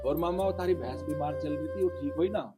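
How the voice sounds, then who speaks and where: An actor playing a generous, easygoing young village son with a Haryanvi accent. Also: male voice, fairly high pitch, a little fast, music in the background, close to an everyday voice. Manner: easygoing, cheerful reassurance.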